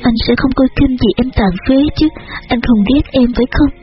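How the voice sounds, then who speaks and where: A man's voice: very high-pitched, fairly quick, voice pushed up. A man voicing a tearful young bedridden woman. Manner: soft, pleading, weeping. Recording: dull lo-fi audio with faint music.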